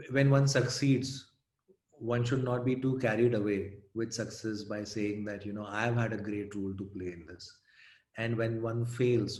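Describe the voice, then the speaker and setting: A man from India telling anecdotes in an interview, bringing quoted people to life in an animated way. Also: on the low side, roomy sound. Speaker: storyteller and guest. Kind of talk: conversational interview.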